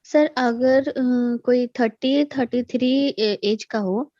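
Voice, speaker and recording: A woman's voice: fairly high pitch, mellow. Woman on a breaking, lo-fi call line. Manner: halting, with fillers and restarts. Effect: breaking bad connection on an online call. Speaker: course participant asking a question. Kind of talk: hesitant question on an online class call. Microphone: video call. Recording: dull lo-fi call audio.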